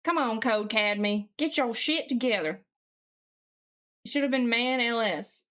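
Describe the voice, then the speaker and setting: Working at her computer during a live stream, a woman chats in a distinctly high, slightly bright, expressive voice at normal speed. She adopts a fake Southern US accent and keeps her talk folksy and mildly sweary.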